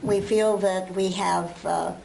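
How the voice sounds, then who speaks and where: An older woman giving an earnest, unhurried testimonial. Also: lowish voice, fairly even intonation, gravelly, darkish tone, a little hiss or hum, rough recording. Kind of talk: unscripted testimonial.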